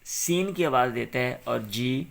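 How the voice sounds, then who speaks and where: A man's voice: mid-range voice, creaky. A man tutoring a young pupil through an English exercise, patiently saying short phrases for the pupil to repeat and then explaining them.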